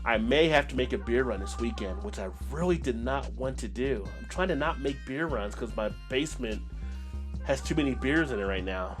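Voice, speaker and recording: Over background music, an American man hosts a casual live stream for a beer channel, chatting with viewers in a rambling, conversational way. His mid-range voice has lively intonation and a moderate pace.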